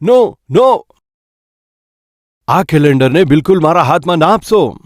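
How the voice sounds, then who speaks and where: A man's voice: fairly high pitch, animated, moderate pace, darkish tone, no room sound, clean studio sound, natural voice. A man voicing a frightened adult friend in a sermon story, panicky and refusing. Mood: panicked.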